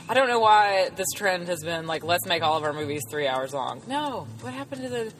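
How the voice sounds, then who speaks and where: A woman's voice: fairly low pitch, expressive, moderate pace. A woman in her thirties co-hosting a podcast, chatting and teasing casually from inside a car. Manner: teasing, jokey. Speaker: podcast co-host. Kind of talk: casual chat. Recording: loud road noise behind.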